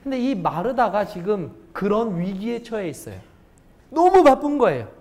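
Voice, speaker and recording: A man with a notably high voice delivers a sermon as pastor in a church. He talks straight to the congregation, keeps asking it rhetorical questions and moves from loud, emphatic points to quiet asides. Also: normal speed. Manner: lively, shifts between loud emphasis and hushed asides. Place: church sanctuary.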